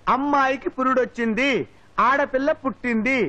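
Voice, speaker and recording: An actor playing a cheeky, cowardly comic servant who talks in a whiny, teasing way. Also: male voice, very high voice, steady tone, brisk, bright, forceful tone. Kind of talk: film comedy acting. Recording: dull lo-fi film soundtrack with music.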